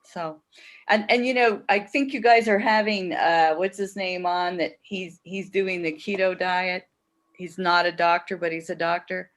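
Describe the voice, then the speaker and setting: A woman in casual chat, telling stories in a chatty, animated way. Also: fairly low pitch, a little slow.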